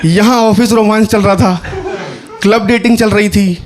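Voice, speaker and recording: A young man doing stand-up comedy, telling an animated, conversational story with asides to the audience on a stage. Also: sits high, normal speed. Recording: live show with crowd laughing. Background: audience laughter.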